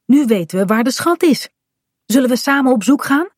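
A woman's voice: high voice, expressive, brisk, husky, no room sound, voice pushed up. Little pirate girl, bold and eager, voiced by a woman, dry close sound. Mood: excited.

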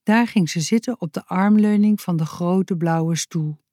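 A woman reading a children's story aloud, lively and giving each character a voice. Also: fairly low pitch, unhurried, dry recording, clean studio sound. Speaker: narrator.

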